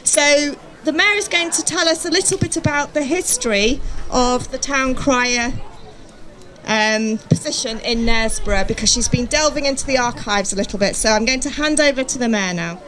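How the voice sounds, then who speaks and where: A woman with a high-pitched voice introduces a public event. She speaks informally and a little hesitantly, as a judge and presenter. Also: moderate pace, fairly bright tone.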